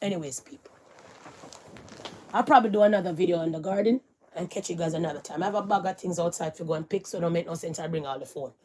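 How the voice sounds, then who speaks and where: A woman's voice: lowish voice, fast talker, a little hiss or hum. Emphatic woman preaching to viewers. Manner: emphatic and moralizing, repeats phrases, swings from loud to hushed. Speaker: vlogger. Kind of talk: casual preachy monologue to viewers.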